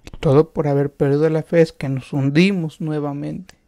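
A man preaching a sermon, slow and emphatic, with rhetorical questions and frequent restarts. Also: on the high side, steady tone, warm tone, no room sound, studio quality.

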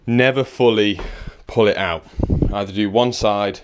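Low-voiced electrician vlogging. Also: male voice, measured pace, noisy background. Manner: chatty, dry, explains as he works. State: out of breath at times. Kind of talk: casual work vlog narration. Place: house being rewired, indoors.

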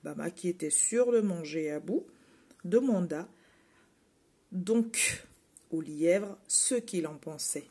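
A woman storyteller reading a children's story aloud in a measured, expressive way. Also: on the low side, a little hiss or hum.

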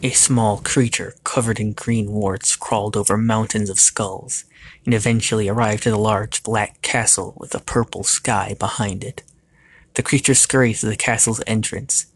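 A man reading a story aloud as its narrator in a steady, even way, with a gravelly voice. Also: fairly low pitch, normal speed. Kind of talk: scripted narration.

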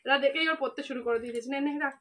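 A woman's voice: high-pitched, very fast, a bit bright. A woman vlogger and mother, out of breath, chatting directly to her viewers in a casual unboxing vlog at home. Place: home, indoors. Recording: noisy home recording.

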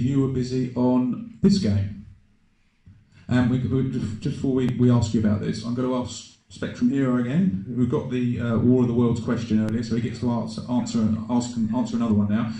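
A man's voice: medium pitch, dark tone. A man hosting a live panel, chatty and genial, asking guests questions. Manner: genial, chatty, filler-heavy. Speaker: panel host. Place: live event hall. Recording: echoey event hall, live stream.

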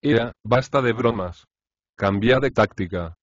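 A cheeky, taunting slave, as a man reads him in an audiobook of a stage comedy. The voice sits a notch deeper than the reader's own and stays sly and jeering. The recording is dull and dry. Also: measured pace, no echo. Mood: boisterous. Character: brash mocking male house slave. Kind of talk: audiobook play reading.

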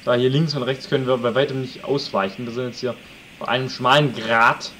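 A man's voice: medium pitch, fairly even intonation, fairly quick, a little hiss or hum, poor audio. A man casually commenting on a survival game he plays, joking and talking to his viewers. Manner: chatty, jokey, talks to the audience, shouts at wolves. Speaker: let's play commentator.

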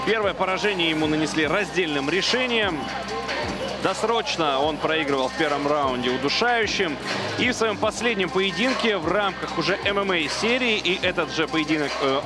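A man giving live fight commentary. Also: high voice.

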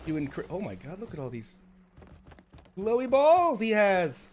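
Excitable high-voiced male streamer. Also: measured pace, noisy background. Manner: excitable, laughing, flustered outbursts. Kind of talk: live game streaming chat.

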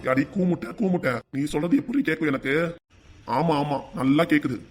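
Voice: medium pitch, moderate pace, darkish tone, faint music behind, natural voice. A performer voicing a stubborn, teasing older father-in-law with a mocking, bossy manner in a cartoon.

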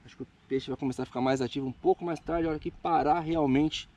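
Excited Brazilian fishing vlogger by a lake. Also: male voice, on the high side, fast talker. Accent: Brazilian Portuguese. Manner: chatty play-by-play, bursts of excitement while fighting fish. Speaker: fishing show host. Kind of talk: casual outdoor fishing vlog. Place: outdoors by a lake.

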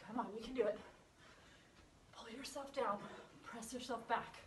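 A woman's voice: a little high, fairly even intonation, normal speed, background noise. A woman in her thirties coaching a workout as an aerobics instructor, giving encouraging counts and short form cues while exercising. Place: carpeted room at home. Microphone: distant camera microphone across the room. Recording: roomy echo, far from phone camera.

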